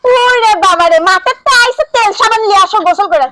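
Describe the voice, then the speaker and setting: An actress playing a sharp-tongued village wife who scolds her husband in rapid bursts, in a comic short film. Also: very high-pitched, heavy background noise. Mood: scolding.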